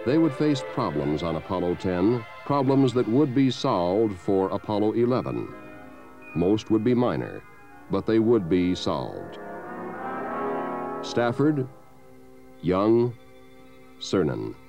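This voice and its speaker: Deep guy narrating a documentary, slow solemn read, music playing behind. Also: sing-song, gravelly. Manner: measured, solemn delivery.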